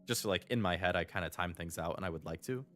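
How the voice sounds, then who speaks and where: Chatty low-voiced male streamer. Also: fast talker, a bit bright, faint music behind. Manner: rambling, chatty, laughs often. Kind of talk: casual chat while streaming a game.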